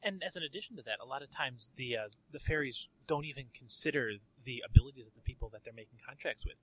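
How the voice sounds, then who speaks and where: A man's voice: medium pitch, fast talker, a little hiss or hum, rough recording. A man talking casually on a podcast, eager to jump in with his point.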